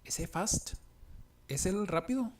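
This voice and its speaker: A man giving a recorded English lesson, explaining at a patient, halting pace with pauses and reading example phrases with a questioning lift. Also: high voice, expressive, noisy background. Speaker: English teacher.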